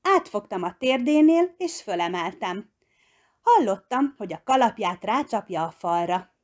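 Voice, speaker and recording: An audiobook reader narrates a children's storybook in an expressive female voice, her pitch leaping upward on key words.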